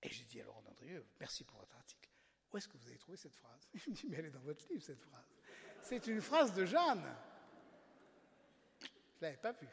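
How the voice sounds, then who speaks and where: A man's voice: fairly high pitch, big pitch swings, normal speed, vocal fry, pauses often. A man who wrote a book, talking informally to an audience in a chatty way with wry asides and frequent restarts. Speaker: author presenting his book. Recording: long hall reverb.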